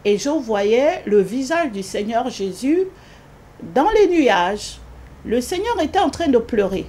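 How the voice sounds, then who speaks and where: A woman giving an earnest spoken religious testimony in an interview, repeating phrases often and pausing with hesitations. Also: very animated, dark tone. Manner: earnest, repetitive, with many hesitations; rises sharply in pitch when quoting her own pleas.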